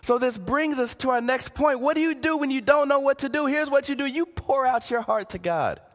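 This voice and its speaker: A man's voice: very high-pitched, a little fast, a bit bright. A man preaching a sermon earnestly, often repeating words and urging his listeners to listen. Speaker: pastor. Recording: long hall reverb.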